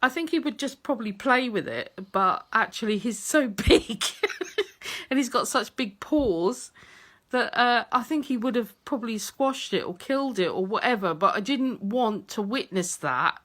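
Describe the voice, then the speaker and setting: Woman vlogger, giggly and sweary, bright voice with lots of rise and fall, unhurried. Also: a little high, lively intonation. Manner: giggly, laughs through her words, swears freely. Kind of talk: casual storytelling to camera. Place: front room at home.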